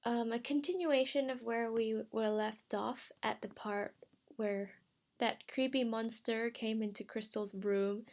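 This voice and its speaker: A woman playing a game, chatting nervously and casually from her bedroom. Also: fairly high pitch. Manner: nervous, chatty, says "literally" a lot. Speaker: gamer reading a visual novel. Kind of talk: casual let's play commentary.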